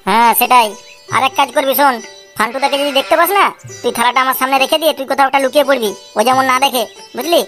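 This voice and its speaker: A woman's voice: high-pitched, very fast, a bit bright, soft background music. A woman voicing a bossy, scheming adult man in a cartoon, lecturing a boy with constant checks.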